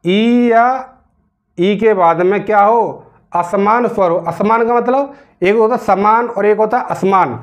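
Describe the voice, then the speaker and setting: High-voiced teacher explaining grammar. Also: male voice, slow pace. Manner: repeats questions to the class, drags out words while writing. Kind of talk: classroom grammar lesson.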